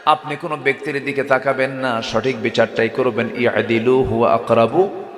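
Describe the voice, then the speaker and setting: A preacher voicing a stern, commanding caliph. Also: male voice, medium pitch, fairly even intonation, normal speed, lightly acted. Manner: declaiming, rising loud emphasis. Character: stern just male caliph, commanding ruler. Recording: echoey hall with long reverb.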